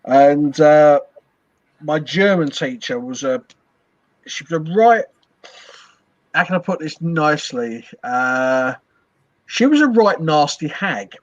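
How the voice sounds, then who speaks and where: A man's voice: fairly high pitch, expressive, slow, pauses often, dry recording. An English man co-hosting a casual chat, telling stories with hesitant fillers. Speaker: co-host. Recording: dull dry lo-fi mic.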